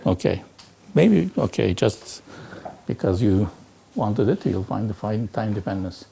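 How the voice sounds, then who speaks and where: A man lecturing on physics, working through exercises aloud in a halting way and peppering his talk with "okay" and "right". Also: fairly low pitch, sing-song, vocal fry, mellow, slight background noise. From Turkey. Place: lecture hall.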